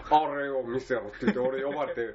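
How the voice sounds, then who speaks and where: Easygoing Kansai-accented man, teasing banter co-host, mid-pitched voice, dull lo-fi sound. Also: fairly even intonation, rapid-fire, crowd noise. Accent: Kansai Japanese. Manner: laid-back, teasing, laughs easily. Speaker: radio show co-host. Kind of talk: casual chat.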